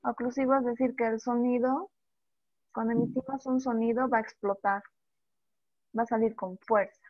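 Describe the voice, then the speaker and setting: A woman teacher giving an online language lesson, who sounds out speech sounds slowly and repeats examples. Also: fairly high pitch, fairly even intonation, dry recording. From Bolivia. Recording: dull dry lo-fi audio.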